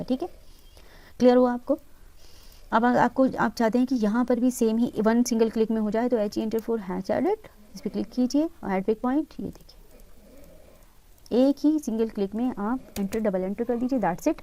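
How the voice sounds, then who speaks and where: A woman teaching interior design, patiently walking viewers through each step of a software tutorial and mixing English terms into her talk. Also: fairly high pitch. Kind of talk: screen-recorded software tutorial.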